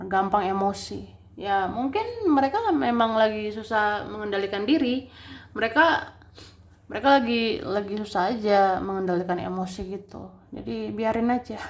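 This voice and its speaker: Woman tarot reader, relaxed and chatty, repeats herself, mid-range voice. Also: medium pitch. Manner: chatty, repeats and rephrases each point, laughs often. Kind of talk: casual tarot reading.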